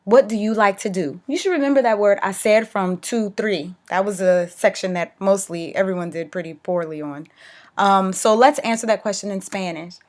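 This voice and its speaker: A young woman teacher giving a recorded lesson, explaining clearly and checking in with "okay" as she goes. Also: medium pitch, normal speed. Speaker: Spanish teacher.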